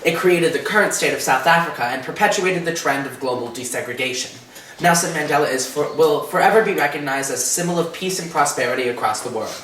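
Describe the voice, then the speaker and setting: A man's voice: fairly high pitch, fast talker, a bit bright, a little hiss or hum. A teenage boy co-hosting a school history countdown in a casual, joking way. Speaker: co-host. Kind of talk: school video countdown presentation. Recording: echoey room, mic far off.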